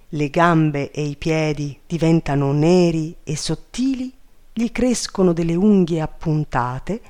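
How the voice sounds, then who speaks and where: A narrator reading a fairy tale aloud in a measured, even manner. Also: mid-range voice.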